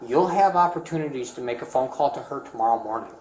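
Female cop, deep voice, patient, reassuring, echoey station room. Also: lively intonation, fast, darkish tone, a little hiss or hum. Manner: patient, repeats reassurances, tags "okay?". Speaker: police officer. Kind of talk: calming de-escalation talk. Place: police station. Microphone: body camera. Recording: echoey bodycam audio.

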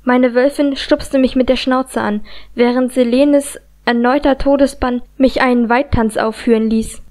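A woman with a high voice reads a first-person fantasy audiobook. Her delivery is tense and dramatic, and she carries the action forward steadily. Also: steady tone, a little slow, a little mellow. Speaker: audiobook reader.

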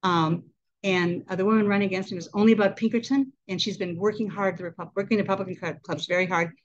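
A club president in her sixties hosts a meeting in an indoor room, casually chatting into a handheld mic and adding laughing asides. Her voice is medium-pitched and fast, with fairly even intonation. On the distant webcam recording the highs are cut off and there's a little hiss or hum.

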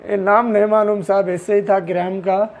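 A man with a Hyderabadi accent, an auto-rickshaw driver from Hyderabad, telling his story to reporters in a halting, repetitive way and calling the listener "sir" again and again. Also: sits high, level tone. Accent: Hyderabadi Urdu. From Hyderabad, India.

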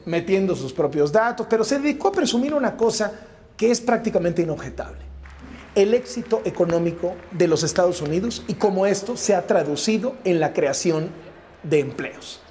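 A Mexican news commentator in his forties, speaking with a Mexican Spanish accent, delivers emphatic political commentary straight to camera, repeating phrases for effect. His voice sits high with a darkish tone, and he is recorded on a lapel mic on a wood-paneled indoor set.

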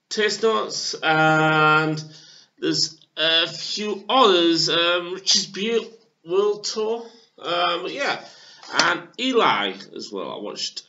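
Slow, halting man reviewing beer on webcam. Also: a little high. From England. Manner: halting, filler-heavy, relaxed. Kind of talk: casual beer review vlog. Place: small room at home. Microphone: webcam at desk. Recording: dull lo-fi webcam audio.

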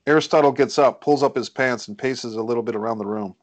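A man with a medium-pitched voice hosts a script read on a group video call indoors, reading the stage directions quickly. It's scripted screenplay narration in a dry recording.

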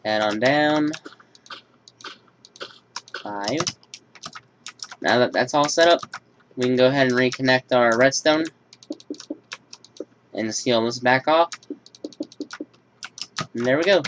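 A young man who runs a gaming channel talks slowly at a medium pitch, pausing often as he walks through a build tutorial and then drifts into a casual personal update full of fillers. It's recorded in a room at home, and the audio is dull and lo-fi with a faint hiss.

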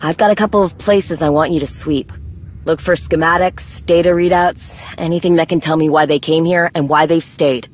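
A woman with a deep, steady voice plays a tough, guarded young warrior in a video game cutscene, speaking at a normal speed. Her delivery is blunt, dry, and no-nonsense, with a businesslike, determined mood.

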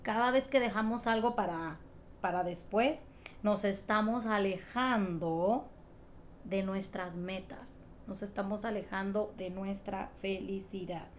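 A woman's voice: medium pitch, unhurried. Woman vlogger, mid-range voice, earnest motivational delivery, faint noise underneath. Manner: emphatic, repetitive, asks rhetorical questions. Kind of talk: motivational talk to camera.

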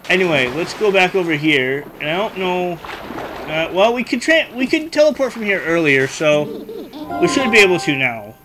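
A man hosting a let's play, chatting casually and thinking out loud as he plays a video game. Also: high voice, sing-song, moderate pace, noisy background. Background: game music.

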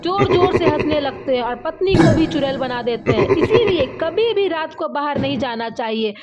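A woman's voice: high-pitched, expressive, normal speed, lo-fi sound. A woman narrating a scripted horror story as a storyteller. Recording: loud music under the voice. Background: loud music.

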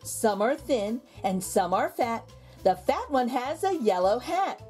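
A woman reading a picture book aloud to young children, with expressive, exaggerated intonation and drawn-out words. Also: fairly high pitch. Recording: background music under the voice. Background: music.

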